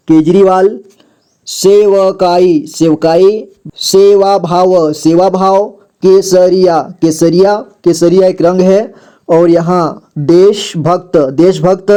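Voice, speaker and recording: High, mellow-voiced man teaching reading. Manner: patient, repeats each word twice and explains letters. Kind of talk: slow word-by-word reading lesson.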